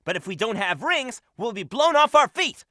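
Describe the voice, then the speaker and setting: A man voicing a cocky, upbeat young hedgehog hero in a video game, brash, energetic and confident. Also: extremely high pitch, normal speed, no echo, clean studio sound, full character voice. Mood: instructive, eager.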